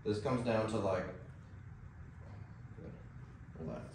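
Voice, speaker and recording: Low-voiced dog trainer in echoey room. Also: male voice, slow, slight background noise. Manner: relaxed, explanatory, lots of "like" and "right?". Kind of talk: casual instruction. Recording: very echoey room, mic at a distance.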